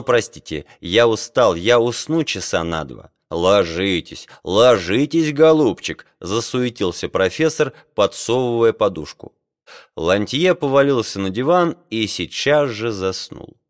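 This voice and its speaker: A man reading an adventure novel aloud in steady, measured narration. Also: medium pitch, no echo, studio quality. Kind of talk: audiobook reading.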